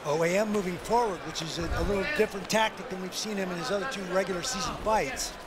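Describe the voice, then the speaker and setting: A man's voice: high voice, steady tone, fast. A man offering live analytical commentary on a fight. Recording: very loud arena noise behind.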